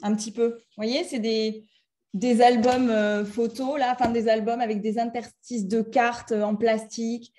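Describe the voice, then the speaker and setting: Animated French woman giving a talk. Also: on the high side, measured pace, slight background noise. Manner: animated, acts out little scenes in different voices; chatty, addresses the audience directly. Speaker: speaker giving a talk on emotions. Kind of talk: lively live talk to an audience. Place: conference room with a live audience.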